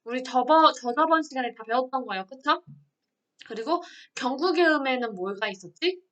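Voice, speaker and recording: A woman teaches an online grammar lesson, asking questions and answering them herself. Her voice sits a little high and sounds bright and clear. She explains patiently, step by step. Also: lively intonation, normal speed.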